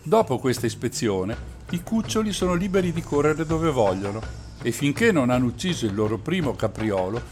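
A man narrating a novel aloud in a steady, measured storytelling voice, with faint music behind. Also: medium pitch.

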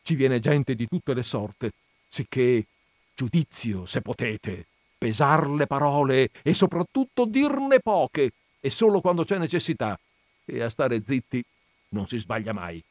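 A man's voice: medium pitch, big pitch swings, unhurried, no room sound. A man doing don Abbondio, a fretful old priest. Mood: anxious, obsequious. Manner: frightened hissing scolding. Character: timid, fretful elderly village priest.

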